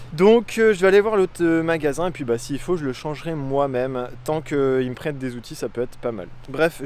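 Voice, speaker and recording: A man's voice: mid-range voice, darkish tone, a little hiss or hum. A young man vlogging casually about his bike trip outdoors, rambling and hesitant with many fillers. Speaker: cycling travel vlogger. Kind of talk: casual vlog chat to camera.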